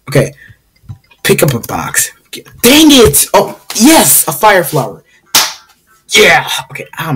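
A woman commentating on a video game, swinging from quiet mumbling to frustrated yelling. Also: sits low. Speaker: gaming video host. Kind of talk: gaming commentary.

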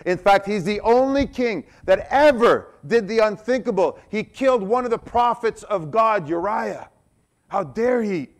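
A man's voice: high voice, expressive, measured pace. A man preaching a sermon as pastor, reading scripture aloud and acting out a prophet's desperate questions to God, then asking the congregation directly. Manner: dramatic, pleading when voicing the prophet's complaints.

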